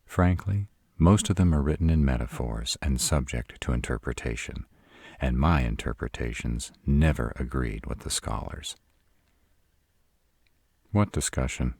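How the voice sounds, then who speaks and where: In a scripted audio roleplay, a man plays a proud, sarcastic vampire raised in the city, bitter and sardonic, leaning on dry rhetorical questions. His exaggerated voice is a creaky, husky bass with a darkish tone, unhurried, in a dry recording.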